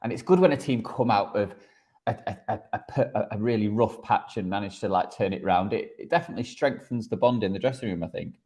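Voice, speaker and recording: A man's voice: on the low side, fairly quick, darkish tone. A man presenting football betting tips and analysis on a podcast in a conversational style, sometimes hesitant and repeating his words. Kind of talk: conversational sports tipping and analysis.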